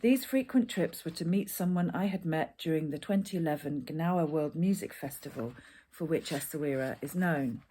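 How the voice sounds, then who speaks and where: A woman from Edinburgh, Scotland, reads aloud a personal essay she wrote. Her voice is fairly low in pitch and a little mellow.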